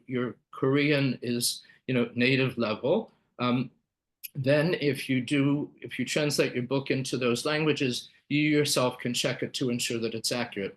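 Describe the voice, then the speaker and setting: A man presents a live webinar, explaining things with plenty of fillers, restarts, and self-corrections. His voice is mid-range and a bit bright.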